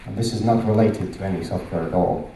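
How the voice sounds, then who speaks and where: A middle-aged man from Latvia speaks fast at a conference, his lowish, warm voice carrying a Latvian accent and a little hiss or hum. He talks in emphatic short phrases with rhetorical questions, using a handheld microphone in a large indoor hall so echoey the sound seems distant.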